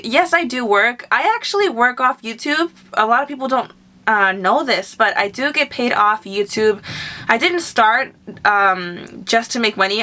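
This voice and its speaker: A woman's voice: on the high side, pushed and bright. A woman of twenty from California, chatting casually and upbeat as a beauty vlogger answering viewer questions. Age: 20s. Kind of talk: casual chat.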